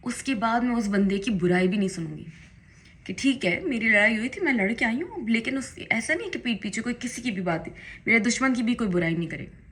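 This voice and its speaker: A woman's voice: on the high side, expressive, brisk, fairly bright tone. A young woman, chatting during makeup. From Pakistan. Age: young adult. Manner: chatty and emphatic, rising into indignant bursts. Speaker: vlogger. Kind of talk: casual get-ready-with-me vlog chat. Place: home, doing makeup.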